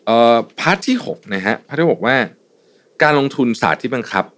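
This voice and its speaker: A man hosting a podcast, reading and commenting on an interview with brisk, explanatory delivery and frequent polite particles. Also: medium pitch, sing-song, a bit bright. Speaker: podcast host.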